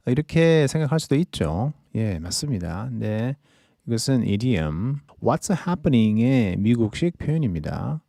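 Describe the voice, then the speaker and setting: A man teaching English idioms in a podcast lesson, explaining each phrase slowly and reading examples carefully. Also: medium pitch, very animated, gravelly, warm tone, no echo, clean studio sound.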